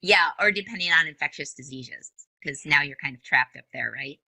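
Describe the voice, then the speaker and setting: Upbeat Minnesotan woman host, lowish pitch, bright and forward, dry close mic. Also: fairly quick, no room sound, rough recording. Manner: upbeat, chatty, laughs easily. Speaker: podcast host. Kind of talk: podcast interview.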